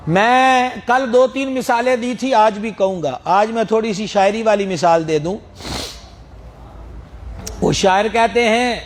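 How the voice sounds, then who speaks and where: Male religious teacher, high voice; slow chanted letter drills, teasing asides. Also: slight background noise. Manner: friendly teasing asides to students. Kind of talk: Quran recitation lesson.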